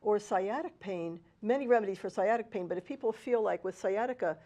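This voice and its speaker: A woman's voice: mid-range voice, fairly quick, dark tone. A woman homeopath hosting a conversation, explaining things plainly and backing her points with everyday examples. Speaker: homeopath, host.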